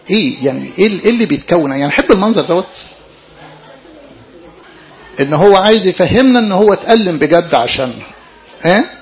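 A man's voice: sits high, creaky. A man with an Egyptian Arabic accent, a priest giving an interactive sermon to young listeners and keeping them engaged with questions. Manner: lively, keeps questioning his listeners.

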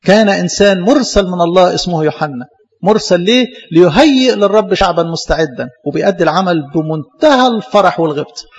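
A man's voice: sits high, expressive, fast talker. A man, a priest with an Egyptian Arabic accent, preaching a fervent sermon and asking the congregation many rhetorical questions, in a church. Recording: long church-hall reverb, dull lo-fi sound.

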